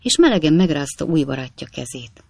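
Gravelly man narrating an audiobook. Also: on the high side, sing-song, darkish tone, dry recording. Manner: measured storytelling. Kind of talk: scripted narration.

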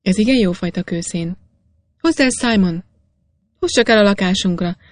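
A woman's voice: mid-range voice, no echo, close to an everyday voice. A woman reading aloud, voicing a sturdy, practical miner's wife in a storybook. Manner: matter-of-fact.

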